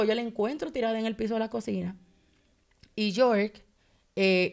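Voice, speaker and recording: A woman telling an emotional personal testimony on a radio talk show, acting out the dialogue as she goes. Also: medium pitch. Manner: animated storytelling, acting out dialogue. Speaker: guest giving testimony.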